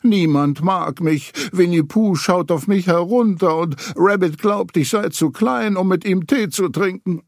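A man's voice: high voice, unhurried, few pauses, no room sound, clean studio sound, pitched above the performer's own voice. A man voicing a small, timid young piglet in a storybook reading, whiny and tearful.

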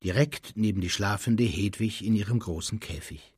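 A man narrating an audiobook with expressive storytelling. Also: fairly low pitch, moderate pace, slightly rough, no room sound, studio quality. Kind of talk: scripted narration.

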